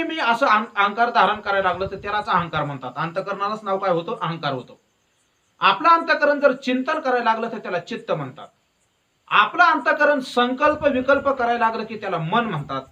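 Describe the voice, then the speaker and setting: A man's voice: high-pitched, dull audio. A man giving a devotional discourse as a kirtan preacher, telling stories and asking questions that he answers himself. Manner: lively, asks questions and answers them himself.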